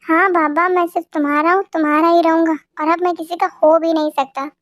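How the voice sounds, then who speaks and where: Female dubber as a sweet-talking grandpa husband, very high voice, gentle delivery. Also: flat delivery, a little fast, dry recording. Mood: tender. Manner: tender, doting. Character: loving elderly grandfather husband. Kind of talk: amateur dubbed fan story.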